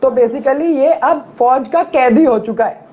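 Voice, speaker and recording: A man hosting a casual chat, telling an anecdote in a lively way and acting out what people said. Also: very high-pitched, a little slow. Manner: animated anecdote telling, acts out quotes. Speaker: host. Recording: dull lo-fi sound.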